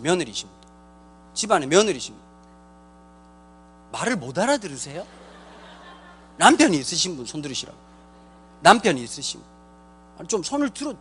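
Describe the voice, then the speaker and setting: A man pastor preaching a lively comic sermon, joking in slang and quizzing the congregation directly. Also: high-pitched. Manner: acts out characters in quick put-on voices.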